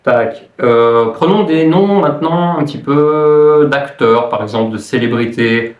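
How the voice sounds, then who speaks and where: A man with a mid-pitched voice explains things like an informal language teacher. He hesitates and thinks aloud as he goes, recorded in a clearly echoey room. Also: a little slow, far from the mic, muffled recording.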